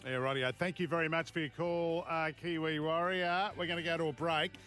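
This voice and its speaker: A man's voice: a little high, fairly even intonation, fairly quick, bright, forceful tone, faint music behind. A man with an Australian accent hosting a sports radio show in a casual, matey style.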